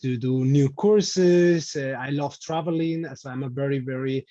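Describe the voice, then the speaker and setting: A man's voice: mid-range voice, a little slow, warm tone, no echo, dull audio. A man from Spain, a guest on an interview show, speaking casually with many restarts and fillers. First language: Spanish. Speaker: podcast guest.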